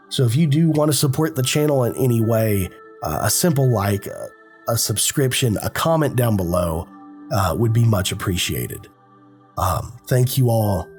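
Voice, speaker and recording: Sick-voiced man telling spooky tales. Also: medium pitch. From Appalachian foothills, US. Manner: dramatic, hushed storytelling with casual asides. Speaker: host and narrator of a paranormal channel. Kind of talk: spooky storytelling narration.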